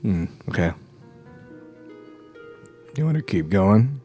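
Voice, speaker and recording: Low-voiced man playing a tabletop game. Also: lively intonation, takes it slowly, dark tone, soft background music. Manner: casual, asks lots of questions. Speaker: player. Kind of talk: casual tabletop play.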